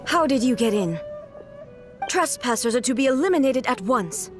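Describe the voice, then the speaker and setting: A woman's voice: a little high, animated, moderate pace, music in the background, lightly acted. Woman as a cold, commanding puppet ruler. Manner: clipped, formal, imperious. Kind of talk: video game character dialogue.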